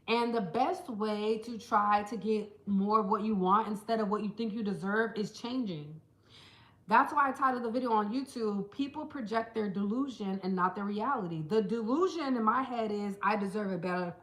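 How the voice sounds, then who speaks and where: A woman vlogger chatting casually to camera, telling stories in an animated way and putting on quick voices for the people she quotes. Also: a little high, echoey room, poor audio. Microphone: small handheld camera.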